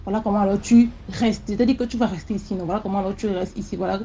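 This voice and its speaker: Fast-talking woman telling a spooky story. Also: mid-range voice, muffled recording, slight background noise. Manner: animated, repetitive, with sound words. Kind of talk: first-person mystical story.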